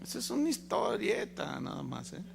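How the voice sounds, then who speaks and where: A man's voice: a little high, huge pitch swings, moderate pace, gravelly, background noise. A male pastor with a Mexican accent preaching a sermon, emphatic and full of rhetorical questions to the congregation. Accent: Mexican Spanish.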